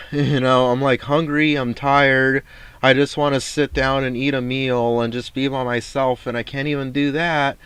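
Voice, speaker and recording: A man's voice: mid-range voice, a bit bright, clean tone, no room sound. A man venting in a rambling vlog monologue, frustrated, swearing and restarting his sentences. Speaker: vlogger.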